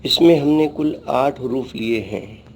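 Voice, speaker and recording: A man's voice: mid-range voice, a little slow, darkish tone, a little hiss or hum. A middle-aged man teaching an alphabet lesson, patiently naming each letter and repeating its sound. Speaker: Urdu teacher.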